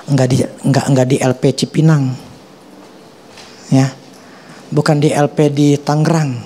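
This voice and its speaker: A middle-aged male pastor, preaching a sermon in colloquial, animated speech with sudden rises and drops in pitch. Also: a little hiss or hum. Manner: colloquial Jakarta-style slang, animated pitch swings.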